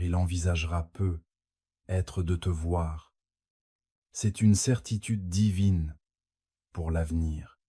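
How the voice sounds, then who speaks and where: A man's voice: low voice, warm tone, slightly rough, no room sound, studio quality. A man preaching a fervent sermon as a pastor, speaking straight to the listener and breaking into exclamations of praise.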